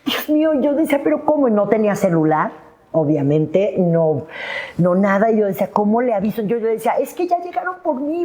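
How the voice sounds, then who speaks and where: A middle-aged woman tells an emotional personal story as a podcast guest. Her voice sits slightly low. She breaks into high-pitched bursts whenever she acts out her own words from that day. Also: darkish tone.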